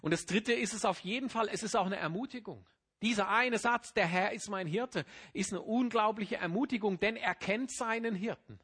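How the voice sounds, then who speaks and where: A middle-aged pastor preaching a sermon, explaining patiently and then rising into emphatic passages. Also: male voice, high voice, moderate pace, a bit bright, breathy edge.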